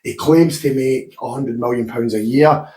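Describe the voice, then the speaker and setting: A man's voice: medium pitch, moderate pace, a little mellow, echoey room. A Scottish man hosting a casual podcast chat, talkative and swearing freely. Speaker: podcast host and gym owner.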